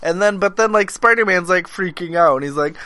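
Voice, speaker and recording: A man's voice: high-pitched, pushed and bright, no room sound. A man co-hosting a podcast, chatting casually and often stopping to search for the right word. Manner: halting, searches for words. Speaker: podcast co-host. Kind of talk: casual chat.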